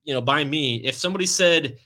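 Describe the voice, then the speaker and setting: A man's voice: a little high, a little fast, pushed and bright. A man in his thirties on a podcast, chatting casually, asking questions and making wry remarks. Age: 30s. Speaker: podcast co-host. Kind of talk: casual chat.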